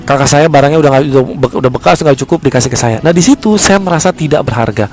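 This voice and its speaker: A man's voice: mid-range voice, rapid-fire, a little mellow, soft background music. A man speaking, giving a motivational sales-coaching talk. He is emphatic and keeps asking rhetorical questions and answering them himself.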